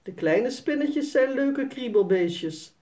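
A woman's voice: sits high, expressive, slow pace, far from the mic, pitched above the performer's own voice. A woman doing a caring, playful mom. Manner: gently bossy, teasing. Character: caring, playful mother of a young girl.

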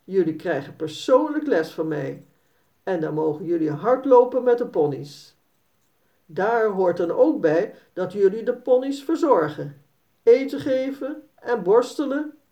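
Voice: medium pitch, expressive, unhurried, warm tone. A woman voicing a friendly farmer who apologises and makes promises to two children, in a storybook reading, with a kindly, reassuring manner. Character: friendly farmer, grown man, good-natured. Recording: dull, slightly distant recording.

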